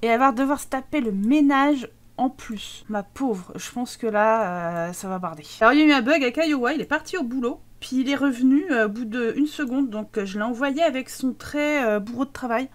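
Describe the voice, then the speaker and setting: A French-speaking woman hosting a let's play video, commenting chattily and with quick exclamations. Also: on the high side. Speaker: gaming channel host.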